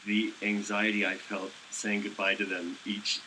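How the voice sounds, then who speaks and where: A man answers at a live event in a halting way, searching for words through many fillers. His voice is very low. Clear crowd-event noise sits behind him. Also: little pitch movement. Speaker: actor interviewed at an event. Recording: noisy live event audio.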